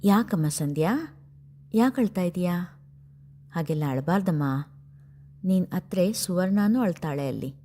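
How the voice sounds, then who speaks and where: A woman voicing a tender, motherly middle-aged woman who speaks gently and soothingly. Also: on the low side, expressive, a little slow, long pauses. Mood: caring.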